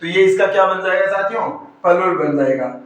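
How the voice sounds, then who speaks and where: A man's voice: high voice, a little fast, a bit bright. A male teacher giving an exam-prep grammar lesson, repeatedly asking questions and answering them himself. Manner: repetitive call-and-answer questioning. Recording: very echoey room, far from mic.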